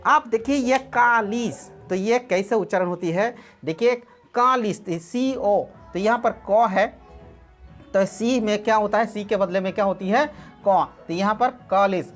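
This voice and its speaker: A woman's voice: mid-range voice, unhurried, soft background music. A woman teaching a class of online students, repeating key words and asking the students questions. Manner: repetitive, asks rhetorical questions.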